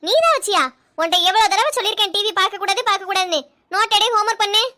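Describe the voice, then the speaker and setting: A woman's voice: very high voice, racing, pushed and bright. A woman voicing a stern young mother in a cartoon, nagging sharply. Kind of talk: cartoon voice acting.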